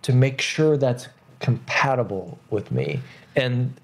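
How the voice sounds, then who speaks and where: A man's voice: mid-range voice, expressive, slow. A man chatting casually, blunt and agreeable, swearing now and then. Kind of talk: casual chat.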